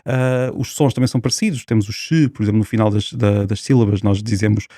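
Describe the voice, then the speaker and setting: A man's voice: on the low side, fairly even intonation, fast talker, mellow, no echo, clean studio sound. A man with a European Portuguese accent, a linguist guest on a podcast, explaining at length with many fillers and restarts.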